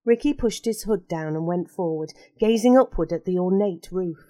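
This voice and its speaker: A woman reading a children's storybook aloud in an expressive, lively storytelling manner. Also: lowish voice, moderate pace, no room sound. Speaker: narrator.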